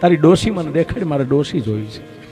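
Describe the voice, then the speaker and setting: A tearful young bride, as a male storyteller voices her, asking tender, imploring questions. The voice stays close to the teller's own, a touch high, with plucked guitar playing underneath. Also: expressive, a little fast, lightly acted.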